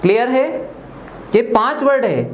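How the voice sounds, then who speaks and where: A man's voice: very high-pitched, expressive, a little slow. A man teaching an English lesson to students, spelling words letter by letter and often checking that they follow. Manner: checks understanding with frequent "theek" and "clear hai". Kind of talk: classroom lecture. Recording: echoey room, faint room noise.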